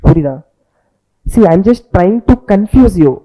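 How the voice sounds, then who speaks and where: Fast, high-pitched man with a Tamil accent. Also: animated, mellow, poor audio. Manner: repetitive, checks understanding with tag questions. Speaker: teacher. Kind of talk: informal lecture with storytelling, mixing English and Tamil.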